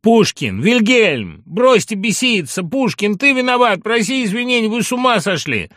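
A man voicing an agitated young man who loudly and shrilly begs his friends to stop a duel. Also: big pitch swings, normal speed, no echo, studio quality. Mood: exasperated. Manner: loud, high-pitched, exasperated pleading.

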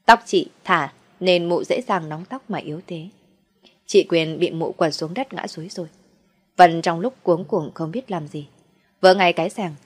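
Low-voiced woman narrating a ghost story. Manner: steady, dramatic reading.

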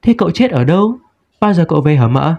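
A man's voice: a little high, sing-song, quick pace, vocal fry, voice pushed up, heavily acted. A man voicing a small, clingy little boy who pleads sweetly in a childlike way. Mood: coaxing. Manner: coaxing, childlike. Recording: dull lo-fi recording.

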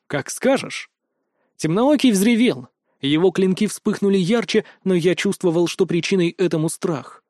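A male audiobook narrator telling a first-person fantasy tale with steady, dramatic delivery. His voice sits a little high for a man and is recorded dry and close. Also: no room sound.

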